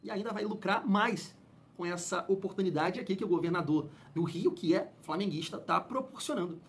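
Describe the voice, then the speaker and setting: A man's voice: sits high, fairly quick, slight background noise. A man hosting casual football commentary, opinionated and heated, speaking straight to his viewers. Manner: opinionated, heated, colloquial, addresses fans as family. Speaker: football channel host.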